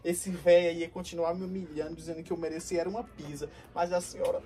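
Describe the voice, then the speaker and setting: A woman's voice: fairly low pitch, fairly even intonation, quick pace, mellow, recorded from a distance, lightly acted. A woman playing a young boy in a comedy sketch who thanks his family with overdone, mock-sincere gratitude. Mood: overjoyed. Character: young boy, sarcastically grateful.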